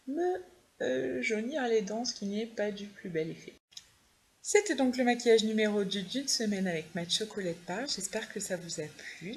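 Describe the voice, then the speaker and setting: A young woman, a beauty vlogger, walking through her makeup steps in a chatty, upbeat tutorial. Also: medium pitch. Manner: chatty, fond of her favorite products.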